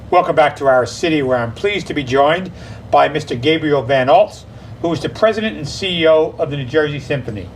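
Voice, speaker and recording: A man's voice: a little high, lively intonation, fairly quick. A man who is a mayor hosting a local TV show, reading announcements and chatting with guests in a friendly, joking way.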